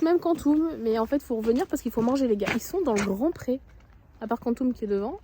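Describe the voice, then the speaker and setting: A woman's voice: on the high side, a little mellow, slight background noise. A woman from France chatting casually in a vlog while doing stable chores outdoors, grumbling and talking to her viewers. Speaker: horse-owning vlogger.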